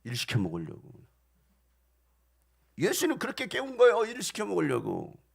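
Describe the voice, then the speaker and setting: Highly animated male pastor preaching. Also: normal speed, vocal fry, slightly rough. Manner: animated, acting out quotes, sudden shouts. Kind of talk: sermon.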